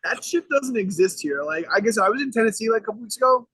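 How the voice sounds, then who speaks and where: A man's voice: sits high, expressive, fast, a bit bright, slightly rough, dry recording, low-quality recording. A young man co-hosting a podcast outdoors, brash and rambling, swearing constantly in casual chat. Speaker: podcast co-host.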